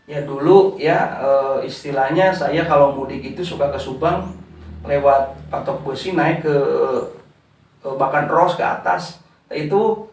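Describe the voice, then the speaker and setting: A community organization founder from West Java, Indonesia gives relaxed interview answers, unhurried, with frequent "eh" fillers, calling the interviewer "Pak". His voice is a little high, recorded off-mic from a distance in an echoey room.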